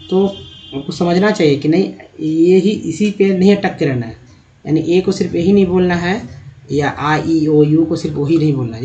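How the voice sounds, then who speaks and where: A man's voice: a little high, mellow, lo-fi sound. Patient Hindi-accented man teaching pronunciation. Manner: slow, patient, drawing out words he demonstrates. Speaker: English teacher. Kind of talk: explaining pronunciation to learners.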